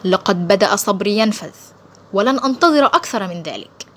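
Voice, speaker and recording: A woman voicing a hot-tempered, ruthless male colonel who speaks in a sharp, gloating, menacing manner in an audiobook. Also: mid-range voice, lively intonation, quick pace, slight background noise, lightly acted. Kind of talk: audiobook character voice.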